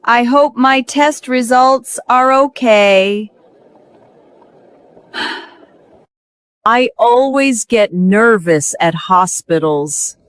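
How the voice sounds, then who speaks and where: Very slow woman reading example sentences. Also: a little high, no room sound, clean studio sound.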